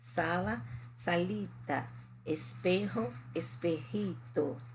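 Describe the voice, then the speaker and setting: A Brazilian Portuguese-accented woman teaches a recorded lesson in a slightly low voice. She explains at a slow, patient pace and keeps checking in with short tag questions. A faint hiss of room ambience sits under her voice. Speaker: Spanish teacher. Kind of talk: recorded remote class lesson.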